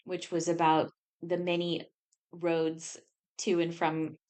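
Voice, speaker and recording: A woman co-hosting a podcast in casual conversation, chatty and quick to laugh, animated when retelling. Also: fairly low pitch, clean tone. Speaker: podcast co-host.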